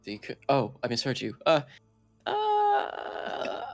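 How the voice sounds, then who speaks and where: A man's voice: medium pitch, huge pitch swings, slow pace, vocal fry, dry recording, faint music behind. A man playing a tabletop game, chatting in a joking way. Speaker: player. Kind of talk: casual chat at a tabletop game.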